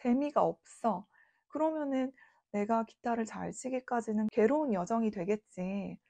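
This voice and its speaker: A woman's voice: a little high, moderate pace, creaky, warm tone, dry recording. A woman in her late thirties from South Korea, talking to her viewers in a chatty, reflective, informal way. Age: late 30s. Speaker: vlogger. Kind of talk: casual talking-to-camera vlog.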